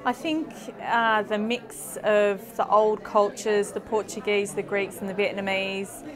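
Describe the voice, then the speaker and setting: A woman's voice: medium pitch, fairly even intonation, unhurried. An Australian woman from Melbourne, a local parent, speaking thoughtfully with hesitant ums in a street interview. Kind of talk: vox pop interview. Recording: street crowd noise behind.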